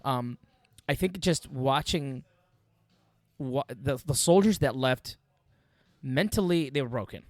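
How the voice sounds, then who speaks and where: A man in his thirties from Baghdad, Iraq, a native Arabic speaker with an Iraqi accent, speaks at medium pitch, slowly and animatedly, in clean, dry studio sound. As a podcast guest and military veteran, he emphatically tells a personal war story in an interview, repeating phrases.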